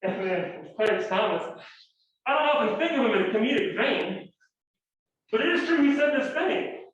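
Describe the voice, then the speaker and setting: A man's voice: very high voice, expressive, moderate pace, a bit bright. A man speaking on a panel, rambling with many restarts and hesitations. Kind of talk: panel talk. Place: lecture room. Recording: distant, echoey, dull lecture-room audio.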